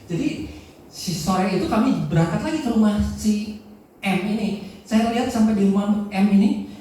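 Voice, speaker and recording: A male pastor from Aceh, telling stories in a lively, conversational sermon. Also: high voice, a little hiss or hum. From Aceh, Indonesia. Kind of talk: sermon with storytelling. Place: church. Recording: echoey church hall from far off.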